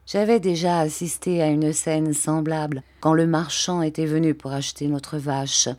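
A woman narrating a storybook in a measured, expressive reading. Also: sits low.

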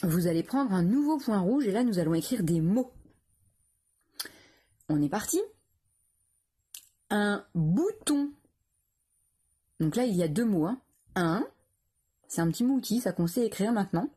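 A woman teacher slowly dictating words and syllables to young pupils, repeating and splitting each sound with care. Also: mid-range voice, expressive, warm tone, breathy edge. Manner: slow, careful, syllable-by-syllable dictation with repetitions. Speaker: primary school teacher.

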